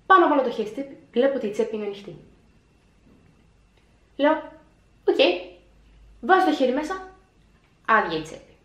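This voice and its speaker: Young woman vlogger, high-ish voice, lively storytelling, echoey home room. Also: pauses often. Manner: animated retelling, acting out her own panic. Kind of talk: storytelling vlog.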